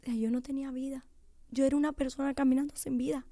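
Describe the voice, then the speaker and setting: Woman, young adult, emotional personal testimony, near-whispered intensity, higher voice, mellow dry sound. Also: level tone, fast talker, no echo. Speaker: guest giving a testimony. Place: radio studio.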